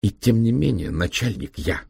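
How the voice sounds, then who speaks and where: A man's voice: on the low side, expressive, a little fast, warm tone, dry recording, clean studio sound, pitched above the performer's own voice. A man reading an audiobook, voicing an indignant male doctor who leads a mission and protests on moral grounds. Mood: firm. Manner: agitated, morally outraged.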